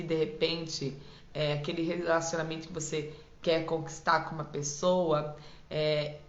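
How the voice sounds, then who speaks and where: Soft-spoken woman teaching in an echoey room. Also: fairly low pitch. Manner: calm, soothing, slows down and drops to a soft voice for emphasis. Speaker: host of a live stream on voice and self-knowledge. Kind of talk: live talk, gentle motivational teaching. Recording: echoey room, dull lo-fi sound.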